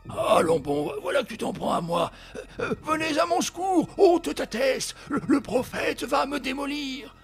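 A mischievous old druid who stammers, cackles and taunts in a high, creaky, husky voice that leaps all over the place. He drawls slowly, savoring every jibe, like a trickster enjoying himself in a radio play. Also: expressive, soft background music, heavily acted. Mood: mocking. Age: older. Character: mocking old male druid, gleeful trickster. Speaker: radio drama actor. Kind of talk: theatrical radio play acting.

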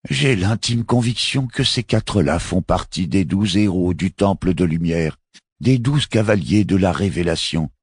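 A man voicing a grave, measured religious leader in an audiobook. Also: low-pitched, expressive, breathy edge, no room sound, clean studio sound, voice pushed up, heavily acted. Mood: solemn. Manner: solemn, measured.

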